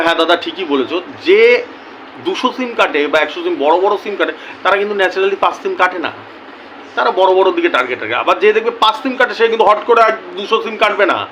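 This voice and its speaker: Young male vlogger, high and bright, animated casual storytelling to camera, acts out both sides of a chat. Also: a little fast, slight background noise, rough recording. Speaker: lottery tips YouTuber.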